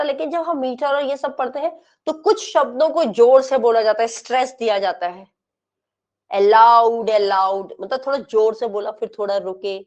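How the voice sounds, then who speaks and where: A woman's voice: fairly high pitch, a little mellow, lo-fi sound. A woman lecturing an exam class, mixing Hindi and English. She dictates notes word by word and checks in with her students often. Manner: explains in quick Hindi with frequent checks like "ठीक है?".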